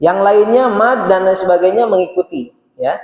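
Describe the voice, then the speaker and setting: A man's voice: high voice, moderate pace, a little mellow, dull audio. A man teaching Quran recitation in a mosque, speaking with a Sundanese Indonesian accent and patiently repeating and chanting each verse for his listeners to follow. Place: mosque hall. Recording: echoey mosque hall with long reverb.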